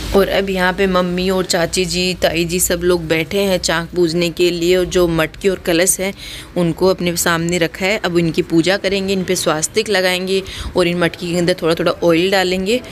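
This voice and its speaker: A woman's voice: on the low side, flat delivery, moderate pace. A woman with a Rajasthani accent narrating a village wedding ritual for her vlog, explaining each step to viewers as it happens. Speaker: vlogger. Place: outdoors at a crowded village wedding. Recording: noisy phone video in a crowd. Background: crowd of women and loud ambient noise.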